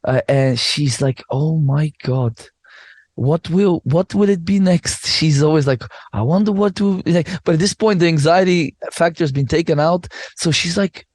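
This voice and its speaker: A man's voice: fairly high pitch, normal speed, a little mellow, no room sound. Rambling man in his thirties, dry. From Bulgaria. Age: 30s. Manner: rambling, many restarts and asides. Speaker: podcast guest. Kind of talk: casual interview chat.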